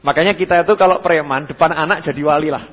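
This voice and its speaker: A young Javanese man preaching at a mosque study session in a lively way, acting out the people he quotes. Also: quick pace. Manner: lively, acts out quoted speakers with sudden jumps in pitch and loudness. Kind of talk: religious lecture answering questions. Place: mosque hall. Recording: dull, echoey hall radio recording.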